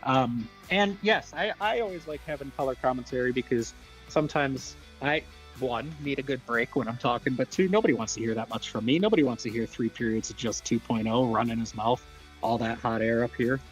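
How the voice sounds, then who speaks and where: A man's voice: medium pitch, brisk, faint music behind, poor audio. A man hosting a live sports broadcast as play-by-play announcer, casual and chatty, with a self-deprecating way of talking.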